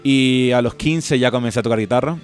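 A young man from Ecuador, chatting as a musician guest in a relaxed, rambling way full of fillers. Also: mid-range voice, a little fast, clear, resonant tone, faint music behind. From Guayaquil, Ecuador. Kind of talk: casual interview chat.

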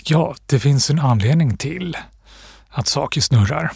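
Guest author, male, breathy voice, thoughtful and unhurried, dry close sound. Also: a little high, expressive, a little mellow, dry recording. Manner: thoughtful, pausing, with restarts and fillers. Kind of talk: reflective interview talk.

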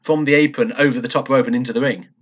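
A man with a dry, wry sense of humor chats on a podcast, peppering his talk with ums and uhs. His voice is of middling pitch. The sound is muffled and lo-fi. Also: fairly even intonation, quick pace, fairly bright tone, breathy edge. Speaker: podcast host. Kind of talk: casual chat reviewing a fight. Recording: dull lo-fi podcast audio.

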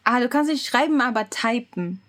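A woman's voice: a little high, animated, moderate pace, fairly bright tone. A woman with a Japanese accent, a native Japanese speaker, chatting as a guest in simple German with bits of English. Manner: simple German, switching to English, laughs often. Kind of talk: casual chat.

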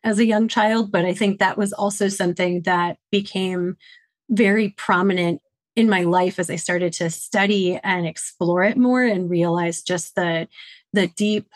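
This middle-aged Detroit woman, from Michigan, USA, has a lowish voice with fairly even intonation and a measured pace. As a podcast guest she gives earnest, reflective conversational answers about growing up and her work, with no room sound in the audio.

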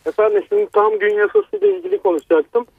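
A middle-aged man calls in to a radio show, his voice coming down a thin, tinny telephone line. He talks in a high, gravelly voice that rises and falls a lot. He stops and restarts his sentences as he tells his account. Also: wildly swooping pitch, no room sound. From Turkey. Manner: halting, restarts mid-sentence. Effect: heard over a telephone line. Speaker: caller to a radio phone-in. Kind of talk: phone-in call telling a personal account.

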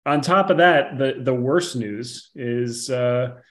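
A man's voice: medium pitch, slow. Rambling man in casual gaming chat. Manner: rambling, heavy on fillers and restarts. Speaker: podcast co-host.

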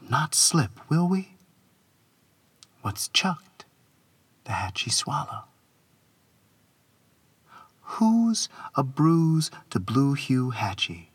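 Reciting his own poems with drama, a man uses a rhythmic, incantatory style and repeats phrases throughout. His voice is medium in pitch with a breathy edge.

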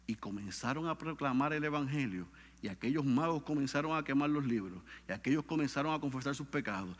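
A man preaching a sermon with great drama, dropping low and quiet and then rising to loud, high cries. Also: big-room sound. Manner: swings from hushed to shouting, dramatic.

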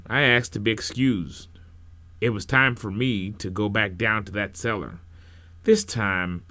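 A man narrating a first-person story in an unhurried, expressive storytelling manner. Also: on the low side, no room sound.

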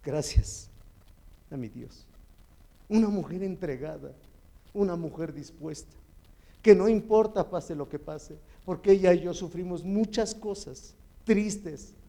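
Gravelly Mexican man giving tearful testimony. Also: high voice, a little slow, dark tone. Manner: tearful, heartfelt storytelling. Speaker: church member giving testimony. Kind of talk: emotional personal testimony.

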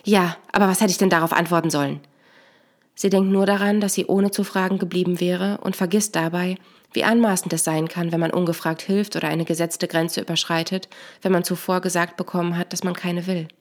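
Woman narrating a calm, explanatory story. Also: lowish voice, fairly quick. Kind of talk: scripted narration.

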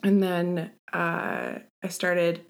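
A woman's voice: on the low side, little pitch movement, very slow, vocal fry. A young woman from Canada chatting casually as a podcast guest, her mouth slightly muffled after having wisdom teeth removed. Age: young adult. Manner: giggly, filler-heavy. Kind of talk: casual conversational storytelling.

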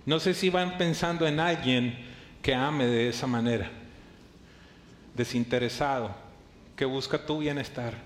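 A man preaching a live sermon as pastor to a congregation, lively, playfully acting out his listeners' voices and joking with them. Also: mid-range voice, a little slow, pauses often. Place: church hall before a congregation. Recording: echoey hall with faint background noise.

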